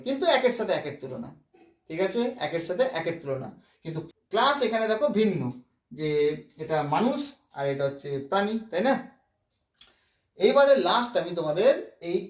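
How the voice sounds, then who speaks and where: A man with a high-pitched voice teaching a grammar lesson, walking through each rule patiently and pausing often to ask whether his students follow. He sounds set back from the mic in an echoey room. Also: distant mic. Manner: explains step by step, often asks "right?". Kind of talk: Bengali-language grammar lesson.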